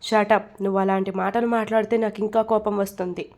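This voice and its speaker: A woman's voice: medium pitch, flat delivery, a little fast, a little mellow, close to an everyday voice. A woman voicing an angry young man who talks in curt, commanding orders to his mother and his staff. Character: angry young man, bossy son and father.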